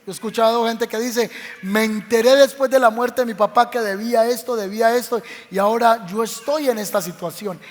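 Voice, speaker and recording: This Medellín-accented Colombian pastor speaks in a very high-pitched, steady voice, a little fast, as he acts out the characters of a Bible story in his sermon. The church hall's long reverb colors the recording.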